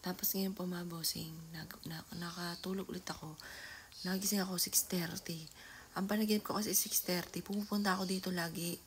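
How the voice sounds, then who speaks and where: A middle-aged woman with a fairly low voice tells a casual vlog story at home. She talks softly, often close to a whisper, and now and then breaks into loud calls. Clear background noise from the room is heard behind her. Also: level tone, a little fast. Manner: soft-spoken, often half-whispered, bursting into loud calls. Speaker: vlogger. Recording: noisy home ambience.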